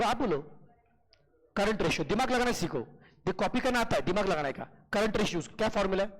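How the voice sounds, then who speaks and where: A man with a high voice teaches accountancy in an online class. He keeps asking his students short questions and answers them himself. He calls them "beta" in a familiar way. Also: rough recording.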